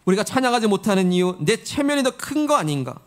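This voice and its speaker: A man's voice: high voice, very animated, quick pace. A man preaching a sermon to his congregation in church, earnest and coaxing, asking questions and leading call-and-response. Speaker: pastor. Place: church sanctuary.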